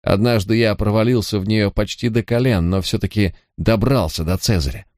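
A rueful old countryman with a deep, low voice, as a male reader puts him on, rambling mournfully through a grim memory in an audiobook. The sound is dry and close, with no room around it. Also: normal speed, darkish tone, dry recording, natural voice. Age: over 60.

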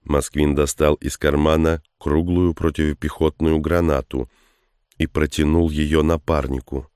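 A man narrating an action story with a very deep, smooth voice. His delivery is steady and even. The recording is close and dry, with no room sound. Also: unhurried, no echo. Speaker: audiobook narrator. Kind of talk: scripted narration.

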